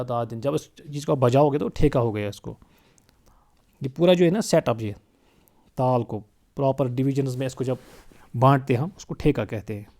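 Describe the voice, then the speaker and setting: A man teaching a music lesson, explaining calmly and reciting rhythm syllables in a steady beat. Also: medium pitch, vocal fry. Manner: reads English definitions slowly and carefully. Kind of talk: spoken music lesson mixing Hindi and English.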